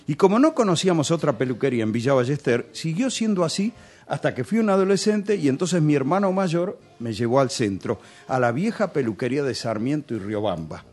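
Man, Argentine accent, lively rising and falling voice, nostalgic chatty storyteller, soft music underneath. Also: fairly high pitch, a little fast. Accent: Rioplatense Spanish. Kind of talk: storytelling on a radio show.

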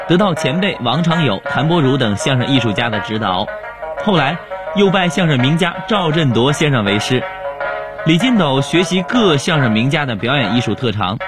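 A man hosting a radio programme with scripted biographical narration. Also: a little high. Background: music.

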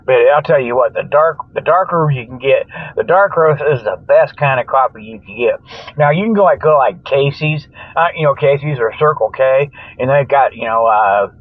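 Speaking at a normal speed in a mid-range voice, an older man runs a comic radio show with a rambling, jokey, folksy monologue that includes fake sponsor plugs. He laughs at his own gags and keeps losing his thread, all captured in a dull, dry, lo-fi radio sound.

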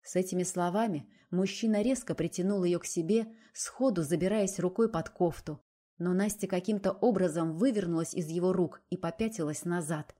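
A woman narrating a romance novel in an even, measured storytelling voice. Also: on the low side. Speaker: audiobook narrator.

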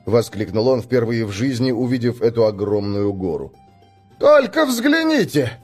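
A man narrating a fantasy novel as an audiobook, expressive and voicing the characters. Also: lowish voice, normal speed, soft background music.

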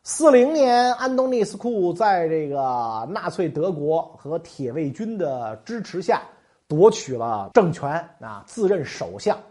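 Lively, joking history storyteller. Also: medium pitch, a little slow. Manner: colloquial, joking, slangy asides. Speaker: history podcast host.

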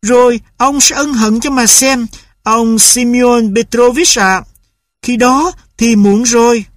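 A man's voice: extremely high pitch, moderate pace, no room sound, clean studio sound, pitched above the performer's own voice. A man voicing a stern, impatient mother who scolds her husband and son. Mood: scolding.

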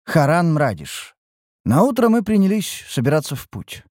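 A man reads a fantasy novel aloud in the first person with a lively, rising and falling delivery. His voice sits a little high, and the recording is dry and close with no room sound. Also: normal speed, no room sound. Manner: expressive first-person storytelling. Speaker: audiobook narrator. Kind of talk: scripted audiobook narration.

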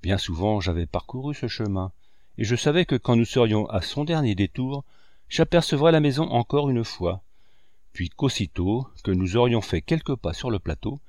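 A man reading a classic novel aloud as an audiobook narrator, measured and expressive. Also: mid-range voice, no echo, clean studio sound.

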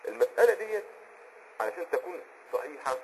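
A man with an Egyptian accent teaching Islamic jurisprudence in a conversational explanatory lesson, often pausing on a filler word while he hunts for a term and checking that the listener is following. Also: high voice, big pitch swings, vocal fry, slight background noise, low-quality recording. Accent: Egyptian Arabic. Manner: checks on the listener with quick asides.

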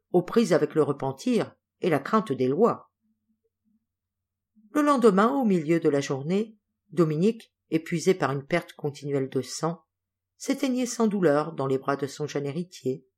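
A woman reading a classic novel aloud as an audiobook narrator, with a measured, expressive delivery. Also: on the low side. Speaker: audiobook reader.

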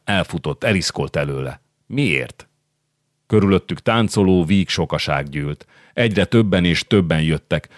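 A man narrating a historical novel as an audiobook in a measured, steady storytelling manner. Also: sits low, dry recording, clean studio sound.

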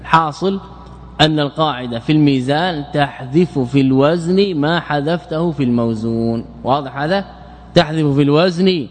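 Man, fairly high voice, lecturing in a hall with long reverb, quizzes himself as he goes. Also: normal speed, slight background noise. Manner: repeats words, asks and answers his own questions. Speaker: sheikh teaching Arabic morphology. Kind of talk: classroom lecture explaining grammar.

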